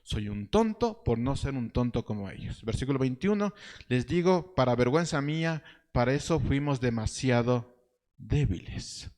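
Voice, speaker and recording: A man preaching a sermon in an animated, ironic way, reading verses slowly and pitching quoted lines up high. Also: in a large hall. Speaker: pastor.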